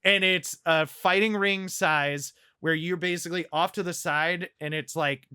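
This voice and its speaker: Bright, chatty male podcast co-host. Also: high-pitched, steady tone, a little slow, smooth, no echo, studio quality. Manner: loose, rambling, heavy on "like" fillers. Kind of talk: casual chat.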